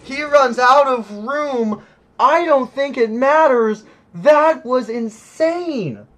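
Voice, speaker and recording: A male play-by-play commentator for a simulated monster truck series has a high, expressive, somewhat bright voice that is going hoarse as he calls the action. He's hyped and keeps exclaiming, yet his delivery stays unhurried.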